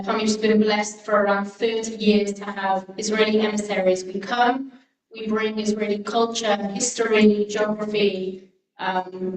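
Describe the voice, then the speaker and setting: A woman in her twenties from the United Kingdom, speaking as a guest speaker to a congregation in a relaxed way with frequent "um" fillers. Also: medium pitch. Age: 20s. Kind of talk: personal talk to a congregation. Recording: echoey room, mic at a distance.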